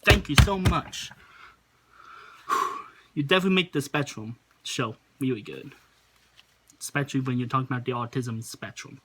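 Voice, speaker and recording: A man hosting a reaction video, talking casually and rambling, sometimes pausing to search for his words. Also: medium pitch, sharp tone, slight background noise.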